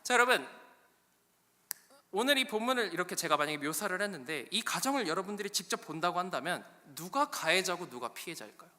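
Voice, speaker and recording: A man preaching a humorous sermon to his congregation in a church sanctuary, lively and playful. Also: high voice, quick pace. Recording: long echo of a church hall.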